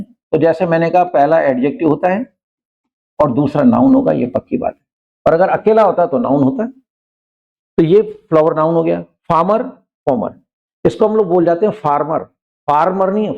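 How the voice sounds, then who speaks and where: A man teaching an English grammar lesson, explaining patiently and reading example sentences slowly, often checking in with his students. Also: fairly high pitch, creaky, dull audio. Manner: frequently checks in with listeners.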